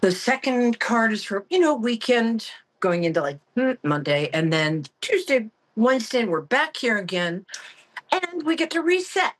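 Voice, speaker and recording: A woman hosting a psychic tarot show in a campy, theatrical, self-mocking way, chatting comically and casually with a husky voice. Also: on the high side, very animated, moderate pace. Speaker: psychic tarot reader and call-in show host. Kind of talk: casual, comic monologue to listeners.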